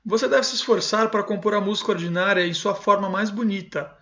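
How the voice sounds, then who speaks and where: Man, high voice, music teacher, explains a book, asks "certo?" a lot, dull lo-fi sound. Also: fast talker, bright, forceful tone. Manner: keeps adding a questioning "certo?" tag, corrects himself aloud. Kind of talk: reading and explaining a book in a video lesson.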